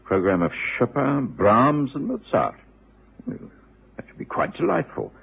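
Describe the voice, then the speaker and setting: An actor playing a genial, sensible doctor in a radio drama, with a British accent and a husky voice. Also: male voice, mid-range voice, big pitch swings, a little slow, heavily acted. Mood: pleased. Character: genial, sensible male doctor, the detective's companion. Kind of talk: radio drama acting and narration. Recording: thin, narrow-band old radio recording.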